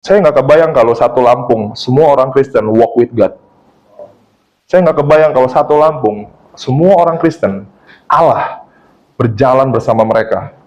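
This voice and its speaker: A man's voice: mid-range voice, moderate pace, long pauses, muffled recording. A male pastor preaching a sermon in a church, telling stories with laughter and slipping English phrases into his talk. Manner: lively storytelling with laughter, mixes in English phrases.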